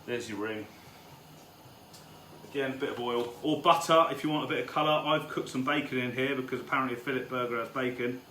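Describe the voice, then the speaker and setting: A man hosting a live cook-along from his home kitchen, chatting loosely with viewers and swearing freely. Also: medium pitch. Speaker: home cooking host. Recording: roomy kitchen with background noise.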